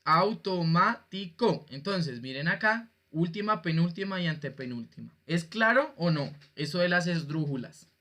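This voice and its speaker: Man, teacher, bright tone, slightly high voice, patient, jokey, video call. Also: expressive, moderate pace, hardly any pauses. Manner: patient, jokey, asks students questions. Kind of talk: online class explanation.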